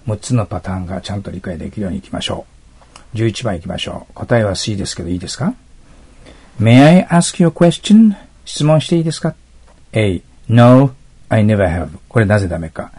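A man teaching test-prep English in a chatty explanatory lecture, with frequent rhetorical checks on his listeners and English example sentences read out slowly and deliberately. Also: fairly low pitch, expressive, darkish tone, breathy edge.

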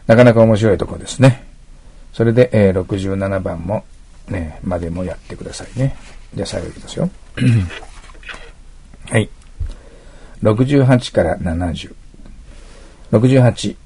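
Gravelly male english teacher, dark husky voice, walks thru exam questions step by step. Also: lowish voice, measured pace, pauses often. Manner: explains step by step, asks listeners to mark text. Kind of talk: exam prep lecture.

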